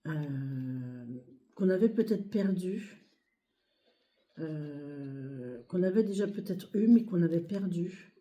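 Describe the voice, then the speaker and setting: A hoarse, short-of-breath woman speaking softly and hesitantly with many fillers as she reads cards in a casual video. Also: on the low side, lively intonation, slow pace, highs cut off. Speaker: card reader. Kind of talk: casual tarot reading video. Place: home, near a sleeping child, outdoor birds.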